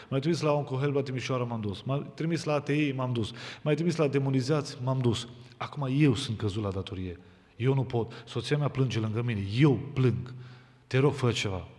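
A man preaching a testimony sermon, moving from quiet somber storytelling to loud fervent proclamation. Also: mid-range voice. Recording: long hall reverb.

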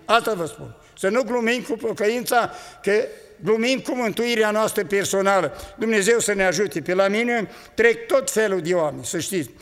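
A man's voice: high-pitched, long reverb tail. An older man preaching an earnest sermon to a congregation, exhorting them and recounting visions.

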